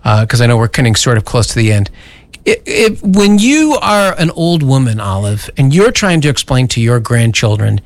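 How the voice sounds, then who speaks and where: A radio show host chatting casually, with a halting, playful way of prompting a co-host. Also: mid-range voice, very animated, dry recording.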